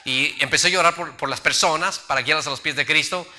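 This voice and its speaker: Pastor preaching, really bright voice, tells stories and does the voices. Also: male voice, on the high side, fast talker. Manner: storytelling preacher, acts out voices in his anecdotes. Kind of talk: sermon.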